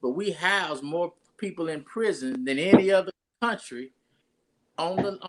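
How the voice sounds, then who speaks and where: A man's voice: on the high side, measured pace, very noisy. A pastor, talking casually and rambling through his introduction of a guest with many restarts.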